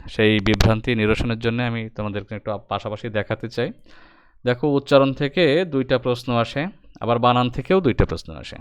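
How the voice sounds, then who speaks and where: Clear-voiced man teaching a lesson. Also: medium pitch, fairly quick, no echo. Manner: patient, explains step by step, addresses students directly. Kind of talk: recorded exam-prep lesson.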